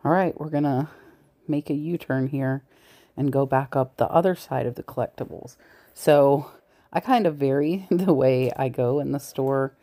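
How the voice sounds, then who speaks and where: Speaking at a moderate pace, this thrift reseller vlogger has a mellow, extremely low-pitched voice. Filmed point of view with a body-worn camera and its mic, she chats casually to her audience as she shops a large thrift store's shelves, now and then lowering her voice to a whisper.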